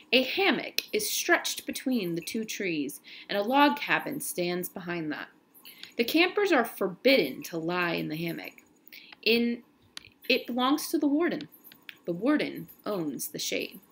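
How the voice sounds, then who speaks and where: This is a woman with a medium-pitched voice giving an expressive reading of a children's novel. She stumbles now and then, going back to correct herself.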